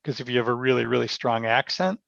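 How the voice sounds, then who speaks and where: Speaking fast as a podcast guest, this radio theatre director lays out his approach in a conversational way, often returning to restate what he means. There's gravel in his mid-range voice. The audio is dry and a little dull, somewhat bright, with no echo.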